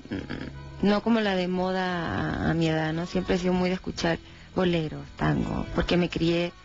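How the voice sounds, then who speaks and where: A woman's voice: fairly low pitch, normal speed, vocal fry, faint music behind. Chilean woman, candid radio guest. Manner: relaxed, candid, hesitant with fillers. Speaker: singer guest. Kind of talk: casual interview chat. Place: radio studio with TV set. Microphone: desk microphone. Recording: dull lo-fi sound.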